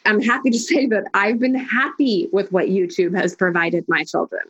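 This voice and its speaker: In a conversational interview, a woman life coach speaks firmly and emphatically, making declarative points and speeding up as she rattles through lists. Her mid-range voice is slightly rough with fairly even intonation and a moderate pace, on lo-fi audio.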